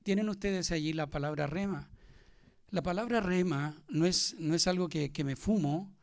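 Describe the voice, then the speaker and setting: A man's voice: on the high side, normal speed. A man, preaching a sermon as pastor and asking his congregation questions.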